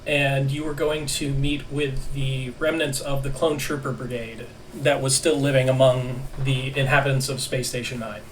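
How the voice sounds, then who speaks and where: A man narrating as game master of a tabletop role-playing session, halting with many fillers. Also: medium pitch, little pitch movement, slight background noise. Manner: halting, many ums and restarts. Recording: distant mic with faint ambience.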